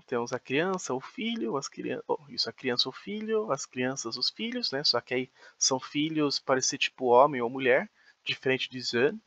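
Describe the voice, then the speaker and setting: A man's voice: medium pitch, creaky, sharp tone, no echo, dull audio. A man teaching a beginner German lesson, explaining patiently with frequent "então" and "né".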